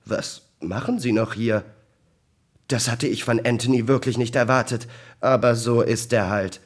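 A man's voice: mid-range voice, a little slow, lightly acted. A man voicing an amused, incredulous male police chief.

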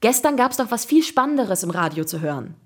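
A woman voicing an excitable schoolboy who chatters eagerly. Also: a little high, a little fast, slightly rough, pitched above the performer's own voice. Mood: excited.

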